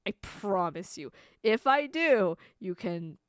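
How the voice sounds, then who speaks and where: A woman streamer chatting casually with her viewers, animated, laughing often and swearing freely. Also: medium pitch, slow, clean tone, dry recording, studio quality. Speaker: streamer answering chat. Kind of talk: casual live-stream chat.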